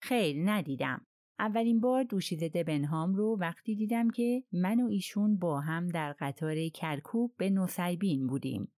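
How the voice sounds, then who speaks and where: Woman reading stiff english colonel, cold and curt, lowish voice, dry sound. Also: expressive, dark tone, dry recording, close to an everyday voice. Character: reserved stiff English army colonel, man.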